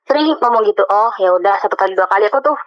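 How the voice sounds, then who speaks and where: A woman's voice: mid-range voice, lively intonation, very fast, dry recording. A woman calling in for advice, retelling her story in an emotional, rambling way with many fillers, close to tears. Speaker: caller. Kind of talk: phone-in advice chat. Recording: dull lo-fi phone audio.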